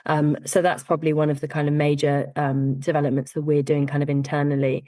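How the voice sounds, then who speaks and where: A woman, a firm founder, explaining things in a measured way on a podcast with frequent "um" and "you know". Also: sits low, flat delivery, dark tone, no room sound. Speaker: cyber security firm founder, guest. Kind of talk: podcast interview.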